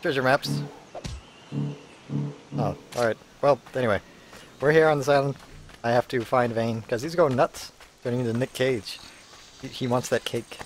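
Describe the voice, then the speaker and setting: A man's voice: mid-range voice, moderate pace, pauses often, slight background noise. A man giving casual video game playthrough commentary, with wry, grumbling, rambling asides. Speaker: gameplay commentator. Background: game ambience.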